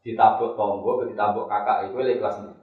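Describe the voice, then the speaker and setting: An older man delivers an animated sermon, telling stories with chatty asides and reciting scripture verses in a slow chant. His voice rings through a very echoey room. He stands well back from the microphone. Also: on the low side, phone-quality sound. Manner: animated storytelling, mixing Javanese and Indonesian, reciting Quranic verses. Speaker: Islamic preacher. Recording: roomy echo, distant mic.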